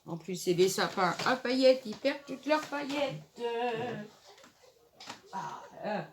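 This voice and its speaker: A woman vlogging her crafts has a cold, so her voice comes out nasal from a stuffy nose as she casually chats and muses aloud while making a table decoration for the tutorial. Her mid-range voice is gravelly, slow, and lively in intonation, over background noise.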